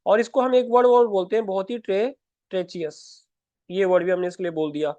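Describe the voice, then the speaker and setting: A man's voice: high-pitched, steady tone, brisk, mellow, no echo. A man teaching vocabulary for exams in Hindi. He explains patiently, says each word aloud again and corrects himself mid-sentence. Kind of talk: exam-prep vocabulary lesson. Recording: slightly dull, dry audio.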